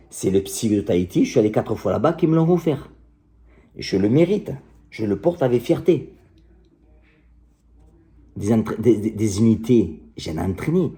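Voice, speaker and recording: Very dark-voiced man ranting heatedly. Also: on the low side, sing-song, normal speed, long pauses. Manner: combative, heated, passionate, crude. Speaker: martial arts coach. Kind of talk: direct-to-camera rant.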